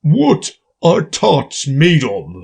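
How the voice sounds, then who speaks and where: A man voicing a pompous, fretful king in a storybook reading, slow and grave. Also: a little high, wildly swooping pitch, creaky, a little mellow, husky, voice pushed up, full character voice.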